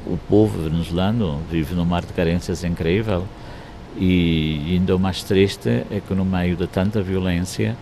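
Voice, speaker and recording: Grave deep-voiced priest, gravelly tone. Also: male voice, steady tone, warm tone, slight background noise. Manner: sorrowful, grave, measured. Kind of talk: interview answers.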